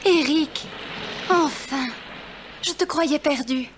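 Very high-pitched young mermaid princess. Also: female voice, slow pace, slight background noise. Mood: relieved. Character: brave, tender young mermaid princess in love. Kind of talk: dramatized children's audio story acting.

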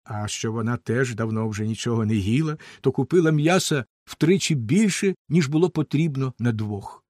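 A man narrating a fairy tale aloud in an expressive, lively reading style. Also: mid-range voice, normal speed, no echo, studio quality. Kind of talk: storybook narration.

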